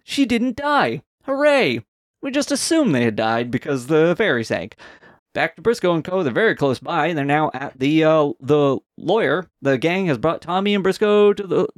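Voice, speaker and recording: A man's voice: fairly high pitch, dry recording, clean studio sound. A man co-hosting a podcast, recapping a TV episode in a laid-back, chatty way with frequent laughs. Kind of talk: casual chat.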